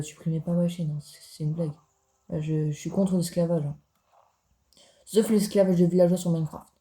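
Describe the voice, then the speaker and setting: Chatty young man with a dark, mellow voice. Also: fairly high pitch. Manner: chatty and jokey, talks straight to viewers. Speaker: gaming YouTuber. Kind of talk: casual gameplay commentary.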